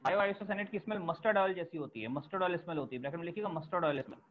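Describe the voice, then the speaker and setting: A man's voice: high-pitched, very fast. A male chemistry teacher lecturing a class, explaining step by step and repeating key terms for students to write down. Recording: tinny phone-like lo-fi recording.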